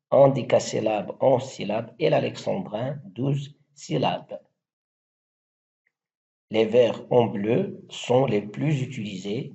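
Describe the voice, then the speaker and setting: Male teacher, mellow low voice, unhurried, recites verse examples on a muffled recording. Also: creaky. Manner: slow, deliberate, spelling out syllables and rhyme schemes. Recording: dull lo-fi recording.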